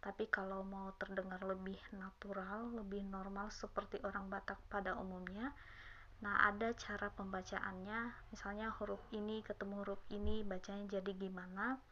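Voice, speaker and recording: A woman's voice: medium pitch, flat delivery, a bit bright, a little hiss or hum. Chatty woman teaching a language lesson. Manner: chatty, repeats example words slowly. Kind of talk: casual online language lesson. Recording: dull lo-fi sound.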